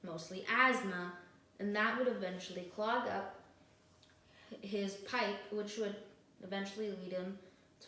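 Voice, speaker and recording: A woman's voice: medium pitch, fairly bright tone. A woman speaking as a student attorney in a mock trial, giving an earnest, emphatic closing argument. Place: echoey indoor room, recorded from a distance. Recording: very echoey room, distant microphone.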